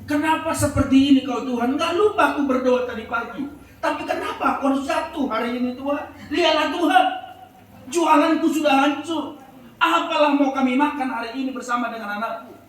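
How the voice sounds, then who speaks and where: A man's voice: high voice, steady tone, moderate pace, close to an everyday voice. Man doing a bitter poor village mother. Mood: distressed. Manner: pleading, indignant outbursts. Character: poor village mother, tofu seller, bitterly complaining to God. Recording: echoey room, distant mic, faint noise.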